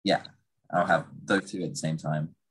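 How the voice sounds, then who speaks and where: A man's voice: rumbling low, moderate pace, breathy edge, poor audio. A young man from England chatting casually and loosely about everyday habits. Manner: relaxed, rambling, with fillers. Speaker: conversation partner. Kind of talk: casual chat.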